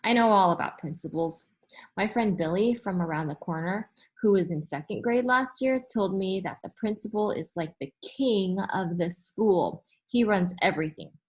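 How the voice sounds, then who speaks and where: A woman narrates a children's story aloud with lots of expression, her mid-range voice moving at a normal speed.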